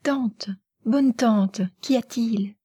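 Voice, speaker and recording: A woman voicing an impulsive, eager teenage girl in an audiobook reading, pleading and excitable. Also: on the high side, moderate pace, breathy edge, voice pushed up. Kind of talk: audiobook character voice.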